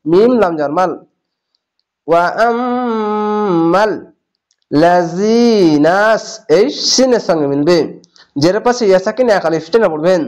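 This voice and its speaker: A man with a Bangladeshi Bengali accent teaching Quran recitation, spelling out each syllable slowly and then blending it into the whole word. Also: sits high, lively intonation, darkish tone. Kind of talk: step-by-step spelling and recitation lesson.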